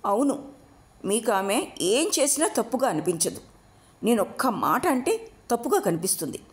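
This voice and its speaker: Woman reading a jealous young wife, sarcastic, sharp, raised pitch, lively. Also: normal speed. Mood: resentful. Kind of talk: audiobook role reading.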